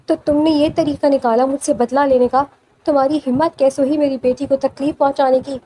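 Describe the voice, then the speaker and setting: A woman's voice: high-pitched, fairly even intonation, mellow, slight background noise, natural voice, rough recording. A woman voicing a furious young father. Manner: angry, commanding.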